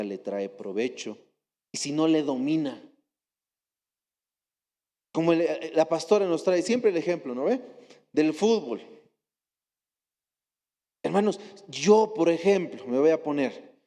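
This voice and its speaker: A young adult man with a Bolivian Spanish accent, preaching a sermon and telling stories with rhetorical questions. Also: on the high side. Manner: storytelling with rhetorical questions, animated quotes. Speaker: lay preacher. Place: church hall. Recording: long church reverb.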